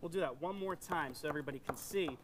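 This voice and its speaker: Male home shopping pitchman, notably high register, rapid delivery, explains each demonstration like a salesman. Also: noisy background. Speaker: product presenter on home shopping.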